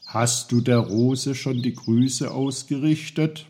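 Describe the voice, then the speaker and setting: A man's voice: medium pitch, takes it slowly, darkish tone, voice pushed up, lightly acted. A man voicing a fussy, know-it-all little uncle who lectures a boy. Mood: lecturing. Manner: busy, lecturing.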